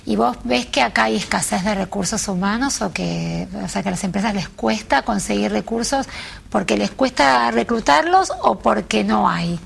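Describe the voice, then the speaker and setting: A woman's voice: medium pitch, moderate pace, creaky, breathy edge. A woman with an Argentine Spanish accent hosting a TV interview, prompting her guest and affirming him often. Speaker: TV talk show host. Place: television studio.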